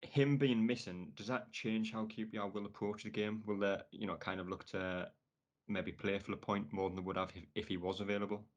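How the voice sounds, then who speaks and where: Brief: deep-voiced man with a Sunderland accent, talks quickly, casual football podcast host. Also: fairly even intonation. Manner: quick, asks long leading questions.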